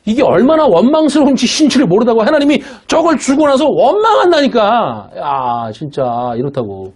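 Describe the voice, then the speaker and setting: High-pitched husky male pastor preaching. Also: a little mellow. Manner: emphatic, questioning the congregation, blunt asides. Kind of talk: sermon. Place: church worship room.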